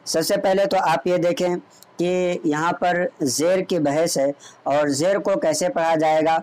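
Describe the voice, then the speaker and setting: A man's voice: fairly high pitch, steady tone, measured pace, darkish tone, clean tone. Patient man teaching letter sounds. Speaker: Quran reading teacher. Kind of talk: online recitation lesson.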